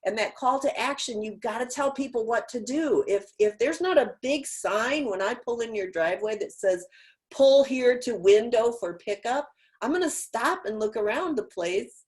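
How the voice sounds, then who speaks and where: A woman giving a marketing webinar over a video call, talking in a lively conversational way with many rhetorical questions. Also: fairly high pitch, normal speed. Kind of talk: webinar talk.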